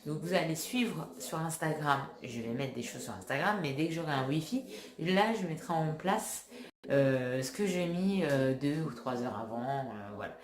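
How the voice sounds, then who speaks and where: A young French woman with a stuffy head cold vlogs casually to her phone camera, rambling along with lots of fillers and restarts. Her voice is deep with lively intonation at a moderate pace. The sound is reverberant, with a crowd audible behind her.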